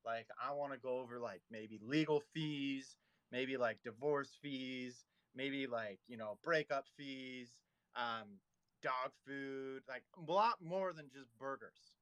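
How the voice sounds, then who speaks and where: A man's voice: medium pitch, takes it slowly, fairly bright tone, smooth, no room sound. A man hosting a casual online audio chat, rambling and teasing, with lots of fillers. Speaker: host of a social audio room.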